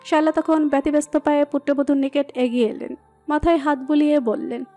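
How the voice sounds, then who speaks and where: Brief: female storyteller, high mellow tone, steady expressive narration. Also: fairly quick. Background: soft background music.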